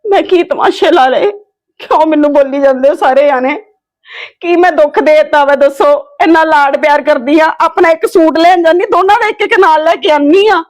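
A woman plays a high-voiced, headstrong unmarried sister-in-law in a web family drama. She argues defensively and slips into self-pity, insisting she has been kind. The voice sits well above the usual range for a woman. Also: brisk, darkish tone, echoey room, natural voice. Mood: pleading. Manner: defensive, pleading and self-pitying. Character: stubborn unmarried sister-in-law who feels wronged.

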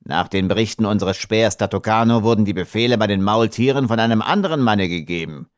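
A proud young warrior who speaks sharply and with scorn, in a low voice as a male reader plays him. Dry, close audiobook sound. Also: quick pace, no echo, lightly acted. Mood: cutting.

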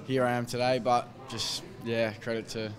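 Here a young Australian footballer is interviewed after a match in the team rooms, a sponsor wall beside him and crowd noise behind. Talking at normal speed in a flat, mid-range voice, he hesitates a lot, using fillers and restarts into a handheld mic the interviewer holds.

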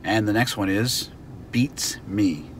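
A man's voice: fairly low pitch, takes it slowly, slight background noise. A man giving a casual English lesson, chatty, acting out little example scenes. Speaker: English teacher. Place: outdoors near a car.

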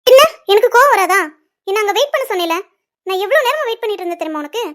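A woman's voice: very high voice, expressive, racing. A woman voicing a jealous, hot-tempered young woman in a cartoon serial, accusing and indignant.

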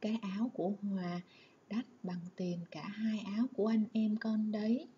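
Casting: gentle storybook mother, quiet and caring, put on by a woman teacher, mellow tone, faint background hiss. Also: takes it slowly, dull audio, lightly acted. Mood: flustered. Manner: soft, low and hushed. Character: tender worried mother of two children. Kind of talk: reading a story aloud for pupils.

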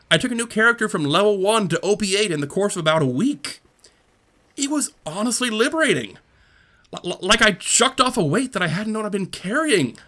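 A man who runs a gaming channel, speaking in a candid personal monologue, earnest and reflective with halting restarts. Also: high voice, pushed and bright. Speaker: gaming YouTuber.

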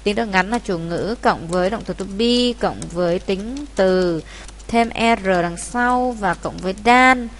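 A woman's voice: medium pitch, a little slow, slight background noise. A woman teacher from Vietnam patiently walking students through an exam, repeating key points as she goes. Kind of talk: exam walkthrough lesson.

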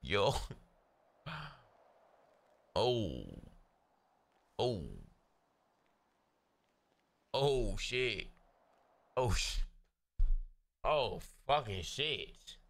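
Streamer guy on headset audio, cussing and apologizing, pitch jumping all over, slow drawn-out talk. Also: animated, fairly bright tone. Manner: flustered, profane, apologetic exclamations. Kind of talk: casual livestream chatter.

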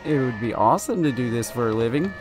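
A man's voice: medium pitch, lively intonation, quick pace, over music. A man giving live commentary while playing a driving game, nervous and pleading as he keeps urging the car on. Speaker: gaming video creator.

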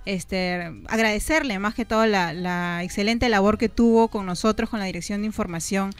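A woman's voice: mid-range voice, normal speed, clean tone, faint music behind. A woman co-hosting a radio show with a Peruvian accent, chatting and reading news with frequent "¿no?" fillers. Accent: Peruvian Spanish. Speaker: radio co-host.

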